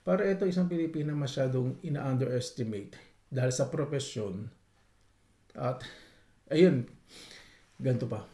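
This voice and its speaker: Mellow-voiced Filipino man telling stories. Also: medium pitch, moderate pace, long pauses. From Philippines. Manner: polite, animated, acts out quotes. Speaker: vlogger. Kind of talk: casual storytelling. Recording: echoey room.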